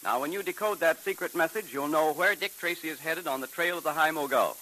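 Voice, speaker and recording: An American man working as an old-time radio announcer, dramatically and emphatically pitching a sponsor to young listeners. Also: a little fast, sharp tone, rough recording. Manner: dramatic, emphatic salesmanship addressed to children. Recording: hissy vintage radio broadcast.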